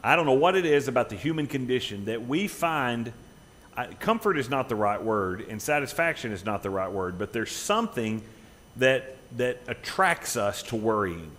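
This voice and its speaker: A man's voice: mid-range voice, lively intonation, normal speed, a bit bright. A middle-aged man, a pastor, preaching a sermon in a church, conversational, with rhetorical questions and emphatic peaks. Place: church sanctuary.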